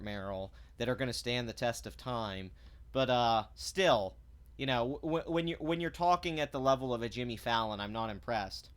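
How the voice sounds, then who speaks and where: A commentary vlogger with a mid-range, fairly bright voice delivers a sarcastic, blunt rant, swearing freely. When he gets heated, he stumbles over restarts.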